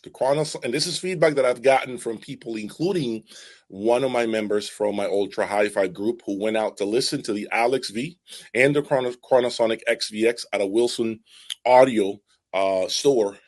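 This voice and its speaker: Hosting an audiophile video channel, a man offers casual, unscripted commentary on a product at a moderate pace and medium pitch. He's emphatic, repeating his points and checking in as he goes.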